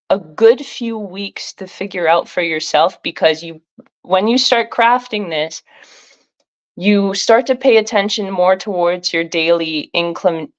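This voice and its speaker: Woman guest on dull remote audio. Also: lowish voice. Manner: reflective, with many fillers. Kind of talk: casual live-stream conversation.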